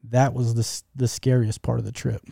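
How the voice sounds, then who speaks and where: A man's voice: mid-range voice, little pitch movement, a little fast, gravelly, mellow, no echo, clean studio sound. A man telling a travel story in casual chat, rambling with lots of fillers and restarts.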